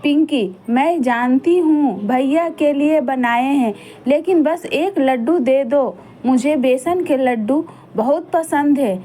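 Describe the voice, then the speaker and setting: A woman voicing a sad little village girl who pleads and complains softly. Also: sits high, takes it slowly. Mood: pleading. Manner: pleading, plaintive.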